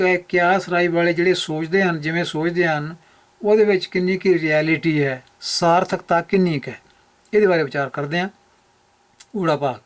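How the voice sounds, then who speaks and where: A man explaining scripture pronunciation rules over slides, methodical and repeating key points for emphasis. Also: high voice. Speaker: Gurbani pronunciation teacher.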